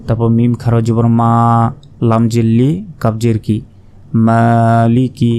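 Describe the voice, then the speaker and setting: A man teaching recitation, spelling out each syllable slowly and then reciting with long drawn-out vowels. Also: mid-range voice, completely flat delivery, dark tone, clear, resonant tone. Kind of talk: slow spelled-out pronunciation lesson.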